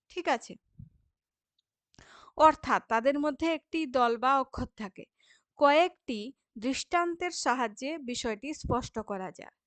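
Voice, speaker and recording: Woman teacher, high voice, dry close sound, patient explainer who stretches words into syllables. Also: fairly bright tone, dry recording. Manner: frequent checking fillers to students. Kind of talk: Bengali grammar lesson for school students.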